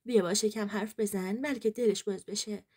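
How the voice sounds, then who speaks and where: A woman reading a selfish husband in a story, sounding flat and dismissive. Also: mid-range voice, lightly acted. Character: cold, selfish husband emigrating abroad.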